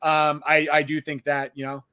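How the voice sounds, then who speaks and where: A man's voice: a little high, monotone, moderate pace, bright, forceful tone, smooth, dry recording, clean studio sound. A man co-hosting a college sports podcast, talking casually and rambling with many fillers. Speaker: podcast co-host.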